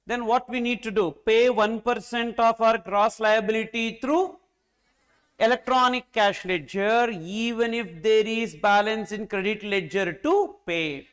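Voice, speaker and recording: A man's voice: high voice, unhurried, fairly bright tone, clean tone. A man with a Tamil accent teaching an exam class, repeating key phrases and often checking in with short questions. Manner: repetitive, rhetorical questions with check-ins. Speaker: accountancy teacher. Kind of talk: exam-oriented classroom lecture.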